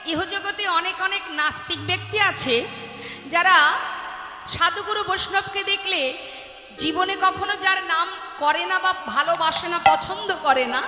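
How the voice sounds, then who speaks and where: A woman's voice: very high voice, pushed and bright. A woman with a Bengali accent, a kirtan singer who chants and then preaches earnestly to a gathering. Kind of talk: devotional chanting and sermon. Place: devotional gathering hall. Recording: echoey hall with music behind.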